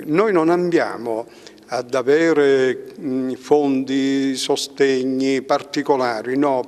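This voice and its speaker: A man giving formal interview answers in an earnest, halting, measured way. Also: medium pitch. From Sicily, Italy. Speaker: cultural institute representative. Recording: long hall reverb.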